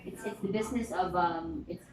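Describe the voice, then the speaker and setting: A woman's voice: lowish voice, a little fast. A woman in her thirties with a Filipino accent, interviewing someone in a casual, chatty and directive way. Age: 30s. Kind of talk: casual job interview chat. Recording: echoey noisy room.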